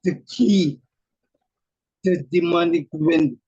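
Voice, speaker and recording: A man with a tremor in his voice tells his story with slow, deliberate care. His tone sits a little high and raspy. The sound comes through a dull, lo-fi video call. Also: mellow, no room sound. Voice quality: voice shakes from throat muscle tremor. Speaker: author guest. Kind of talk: personal testimony in an interview. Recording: muffled lo-fi call audio.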